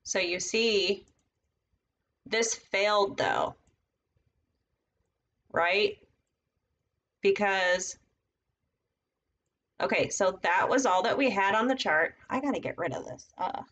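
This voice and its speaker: A woman's voice: medium pitch, slow, long pauses, fairly bright tone. A woman casually teaching trading setups on a live stream, thinking aloud as she marks up charts at her computer. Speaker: trading educator.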